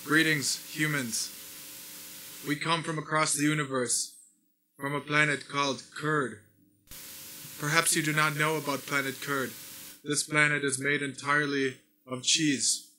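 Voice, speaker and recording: A man's voice: a little high, level tone, measured pace, pauses often, bright, forceful tone, a little hiss or hum, rough recording. A man playing a stiff formal alien envoy. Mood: solemn. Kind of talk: comedy sketch acting.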